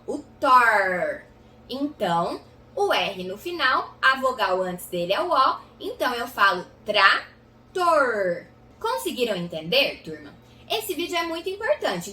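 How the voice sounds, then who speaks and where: Animated teacher enunciating sounds, woman from Goiás. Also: high voice, echoey room, recorded from a distance, slight background noise. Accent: Goiás Brazilian Portuguese. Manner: slow, exaggerated sound-by-sound enunciation. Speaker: literacy teacher. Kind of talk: children's phonics lesson.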